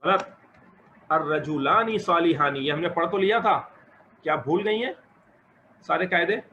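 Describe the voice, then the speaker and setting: A male teacher leads an Arabic grammar class, asking questions and encouraging his students as he explains. His voice sits fairly high. The recording is dull and lo-fi, with faint background hiss. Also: normal speed, sharp tone.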